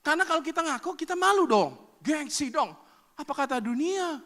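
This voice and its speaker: A middle-aged man from Indonesia preaching a sermon as a pastor, animated and acting out everyday quarrels in changing voices. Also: very high voice, brisk.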